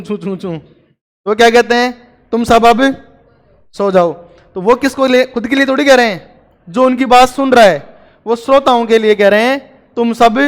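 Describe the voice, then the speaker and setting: A man's voice: extremely high pitch, clean tone, big-room sound. A man teaching a grammar lesson to a class, chatty and joking with his students between explanations.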